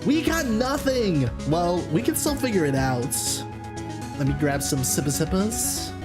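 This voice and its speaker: A woman's voice: low voice, big pitch swings, normal speed. A woman giving casual playthrough commentary as a video game streamer. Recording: loud music behind the voice.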